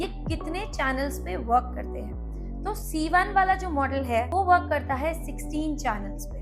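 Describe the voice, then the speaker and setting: Her voice sits high as she hosts a laid-back product comparison. The woman speaks with an Indian accent, mixes English words into her speech, and explains as she goes.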